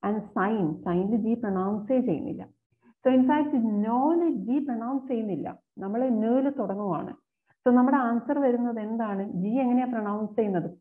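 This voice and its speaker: Woman tutor going thru exam questions, reads slow then explains fast, sounds like over a phone. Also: on the high side, phone-quality sound. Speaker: exam coaching teacher. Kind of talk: explaining exam questions, mixing Malayalam and English.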